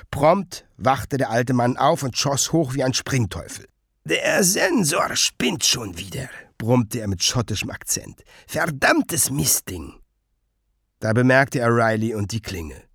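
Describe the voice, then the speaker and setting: A male narrator reads a dark tale slowly and expressively. His voice is gravelly and husky with a lively, rolling melody. The sound is close and dry, with no room echo. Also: medium pitch. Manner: slow, expressive storytelling. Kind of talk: scripted audiobook narration.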